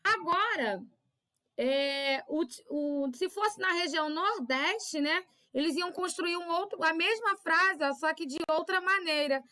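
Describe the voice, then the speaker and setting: A woman's voice: very high voice, a little slow, bright, forceful tone. A woman teacher, giving a recorded lesson to children and patiently checking in with little tag questions. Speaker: primary school teacher.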